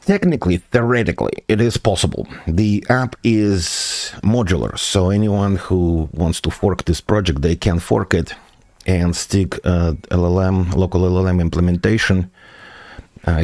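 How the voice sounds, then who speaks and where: Low-voiced man explaining code, dry sound. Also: a little mellow, no room sound. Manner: methodical, answers viewer questions, frequent hesitations. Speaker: software developer streaming his project. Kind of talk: live stream tech walkthrough.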